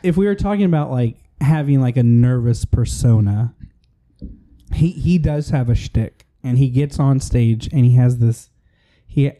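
A podcast co-host in loose conversation. The voice is extremely dark and mellow. The story wanders, padded with fillers. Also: medium pitch, measured pace. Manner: rambling, filler-heavy storytelling. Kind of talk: casual podcast chat.

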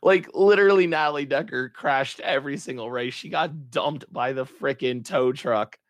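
A man hosting a racing podcast, chatting casually and excitedly with lots of fillers and restarts. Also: medium pitch, moderate pace, no room sound. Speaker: podcast host. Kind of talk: casual chat.

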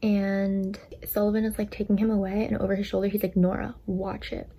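A woman's voice: mid-range voice, level tone, fast, mellow. A young woman in her twenties casually retelling a book's story, chatty with lots of filler words, into a desk microphone. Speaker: storytime vlogger.

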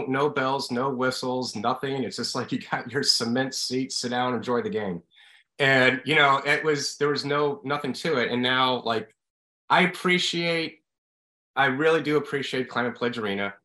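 A man speaks casually, with a bright, forceful voice at a middle pitch. The recording is roomy, with clear echo around his words. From upstate New York. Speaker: guest, former hockey player. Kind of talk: casual chat. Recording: echoey, roomy sound.

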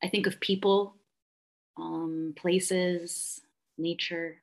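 Her lowish voice is flat and very slow. She's a perfumer in her thirties, raised in Dubai, guesting on a casual interview, where she talks reflectively and effusively while groping for words amid many fillers.

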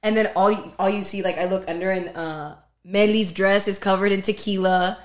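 A woman's voice: mid-range voice, fairly even intonation, normal speed. Slangy young woman. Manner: slangy, profane, switches between English and Spanish. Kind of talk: casual chat, storytelling among friends.

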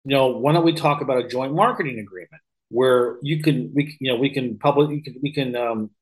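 In a rough recording, a real estate investor in his fifties from Missouri, United States, talks as a podcast guest with an American accent. His medium-pitched voice moves fairly quickly as he rambles through casual anecdotes, frequently correcting himself.

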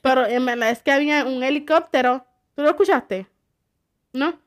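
High-voiced young woman. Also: normal speed. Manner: lively storytelling, acting out what others said. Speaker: daughter telling stories. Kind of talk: casual family chat.

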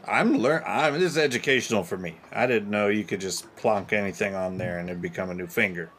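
A man's voice: on the low side, fairly quick, fairly bright tone, a little hiss or hum, natural voice. A man voicing a smart-mouthed, indignant turtle adventurer in a tabletop role-playing game.

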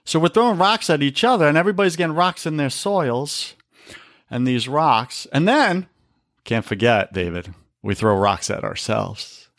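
A man's voice: on the high side, sing-song, normal speed, a bit bright, dry recording, clean studio sound. A man talking on a faith podcast, preaching with emphasis and often calling the listener brother. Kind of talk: faith-based podcast talk.

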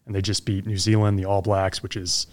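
Low-voiced man telling his life story. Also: little pitch movement, fairly quick, a little mellow. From grew up abroad (Belgium, Zimbabwe, Pakistan), then Florida. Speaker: podcast guest, former Army helicopter pilot. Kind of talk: casual interview storytelling.

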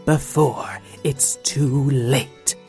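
A woman voicing a stern, bossy queen in a children's story, scolding in slow, drawn-out rhymes. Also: rumbling low, steady tone, dark tone, faint music behind, pitched below the performer's own voice, exaggerated voice.

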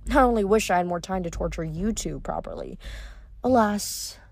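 A woman's voice: fairly low pitch, big pitch swings, normal speed, vocal fry, a little mellow. A woman voicing a spiteful, scheming sorceress queen who sneers and mocks. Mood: scornful. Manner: sneering, mocking, dismissive.

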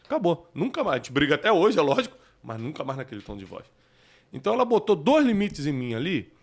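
A man's voice: fairly high pitch, sing-song, quick pace. A man, a podcast host candidly telling personal stories in casual conversation and laughing at himself.

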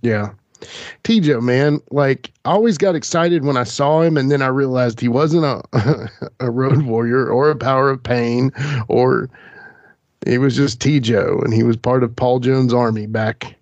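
A man's voice: mid-range voice, a little slow, a little mellow, dry recording. A man hosting a casual film watch-along, chatting and commenting in a jokey, rambling way. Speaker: watch-along podcast host. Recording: dry, dull lo-fi mic.

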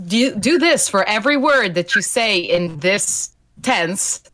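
A woman's voice: medium pitch, lively intonation, slow pace, fairly bright tone. A woman from Slovenia, a native Slovenian speaker, chatting as a podcast guest in a self-deprecating way over a video call. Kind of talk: casual chat.

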